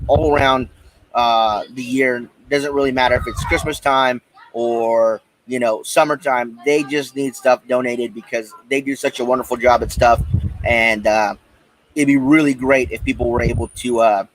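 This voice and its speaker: A man's voice: mid-range voice, steady tone, moderate pace, no room sound, poor audio. An American man hosting a podcast live from a backyard, chatting informally with viewers in a hesitant, rambling way. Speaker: podcast host. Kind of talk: casual live-stream chat to viewers. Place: outdoors in a backyard.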